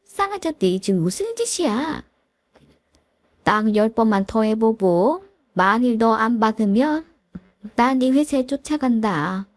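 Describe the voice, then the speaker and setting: Lady doing a bossy nagging mother-in-law, guilt-trips nonstop, highish voice, dry sound. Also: big pitch swings, unhurried, no echo. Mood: scolding. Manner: scolding, whiny, reproachful. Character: domineering middle-aged mother-in-law, nagging, guilt-tripping.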